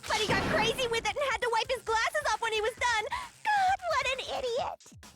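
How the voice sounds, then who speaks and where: A woman playing an excitable, naive schoolgirl in an anime game dub, exaggerated and dramatic. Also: high voice, normal speed. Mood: excited exasperation. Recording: loud background music.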